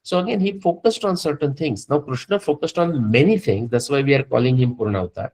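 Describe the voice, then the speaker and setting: A man's voice: medium pitch, brisk, darkish tone, low-quality recording. Male lecturer, mid-range voice, talky spiritual explainer, filler-heavy. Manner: explanatory, frequent fillers and restarts.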